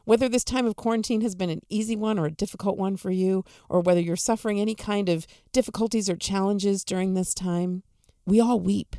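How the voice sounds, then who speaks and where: A woman giving an earnest, encouraging devotional reflection on a gospel reading, speaking softly to listeners at home. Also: medium pitch, steady tone, a little fast, dry recording, clean studio sound. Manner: earnest, encouraging, soft-spoken.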